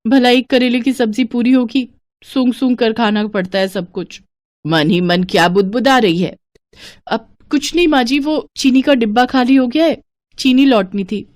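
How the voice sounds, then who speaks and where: Young cartoon daughter-in-law, pitched higher, grumbling, a woman acting it. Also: moderate pace, a little mellow, dry recording, close to an everyday voice. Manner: complaining, mildly exasperated.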